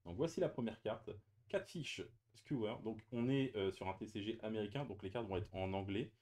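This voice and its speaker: A man's voice: fairly low pitch, moderate pace, darkish tone. A man chatting casually as he opens trading card boosters on camera, hesitant with many fillers and restarts. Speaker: card-opening YouTuber. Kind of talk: casual unboxing commentary.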